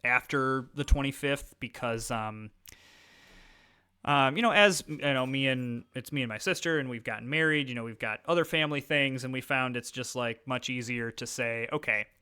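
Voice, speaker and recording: A man in his thirties with a Midwestern American accent gives loose, filler-heavy commentary while he plays. His voice comes across bright and forward, with a smooth, clean tone into a desk mic. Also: mid-range voice, moderate pace. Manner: rambling, filler-heavy, self-deprecating. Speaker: gaming YouTuber. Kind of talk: casual let's-play commentary.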